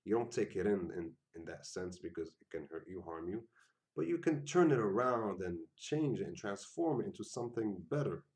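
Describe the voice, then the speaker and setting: A man giving an earnest, casual spiritual talk, often repeating himself and acting out quoted lines in sudden loud bursts. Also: fairly low pitch, very animated, normal speed. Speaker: spiritual teacher.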